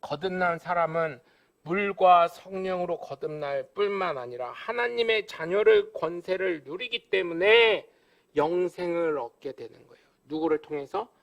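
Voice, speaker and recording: A man preaching a Sunday sermon as pastor, animated, acting out phone calls in a scolding voice. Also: high-pitched, normal speed.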